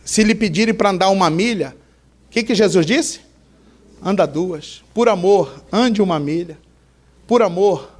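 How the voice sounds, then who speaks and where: A male pastor preaching a sermon animatedly, questioning the congregation and acting out everyday scenes. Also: sits high.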